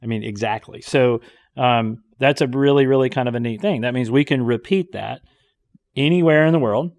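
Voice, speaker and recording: A man's voice: medium pitch, moderate pace, darkish tone. Enthusiastic man hosting a podcast. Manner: enthusiastic, explanatory, with frequent fillers. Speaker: podcast host. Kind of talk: casual podcast conversation.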